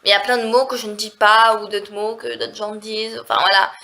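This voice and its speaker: A woman's voice: medium pitch, flat delivery, fairly quick, bright, forceful tone, a little hiss or hum. A woman from southern France with a nasal voice, chatting casually and rambling in a vlog. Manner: chatty, rambling, heavy on fillers. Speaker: vlogger.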